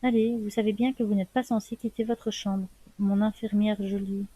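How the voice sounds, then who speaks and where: A woman voicing a strict nurse who scolds a wandering patient, in a mellow voice. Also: medium pitch, steady tone, moderate pace, slightly rough, no echo, highs cut off, close to an everyday voice. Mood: scolding. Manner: bossy, scolding.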